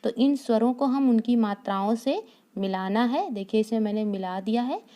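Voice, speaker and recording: Woman, schoolteacher, slightly high voice, patient and repetitive, teaching small kids. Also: darkish tone. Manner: slow, patient, repeats key lines for young children. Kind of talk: online class lesson.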